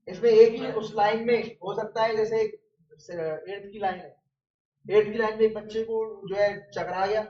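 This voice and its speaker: Recorded from afar with a dull sound, this biology teacher's high, darkish voice rings through a large, echoing room. His lecture is casual: he throws questions at his students and answers them himself using everyday examples.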